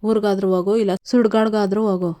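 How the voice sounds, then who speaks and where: A woman's voice: mid-range voice, little pitch movement, quick pace, dark tone, natural voice. A woman voicing a spiteful, contemptuous matriarch in her own plain voice. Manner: contemptuous, harsh. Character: spiteful haughty woman, cruel mother-in-law type.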